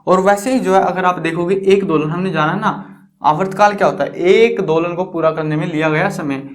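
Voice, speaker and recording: Young guy teaching science, kinda high voice, joking around and quizzing himself. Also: moderate pace. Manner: chatty, teasing, asks and answers his own questions. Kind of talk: casual classroom explanation.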